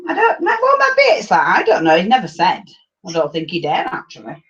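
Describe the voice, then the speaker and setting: A middle-aged woman with an English accent chatting casually and telling anecdotes in a blunt, animated way on a livestream. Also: lowish voice, fairly quick. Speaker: livestream host. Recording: dull lo-fi livestream audio.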